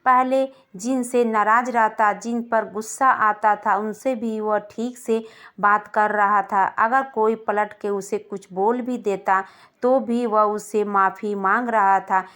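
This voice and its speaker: A woman narrating a scripted moral story in a calm, gentle manner. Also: mid-range voice, slow pace. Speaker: storyteller of moral stories for a channel.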